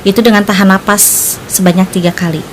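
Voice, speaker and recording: A woman speaking at an average pitch with a steady, matter-of-fact calm as she explains things to an interviewer. Faint background noise sits under her voice. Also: fairly quick. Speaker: spiritual practitioner guest.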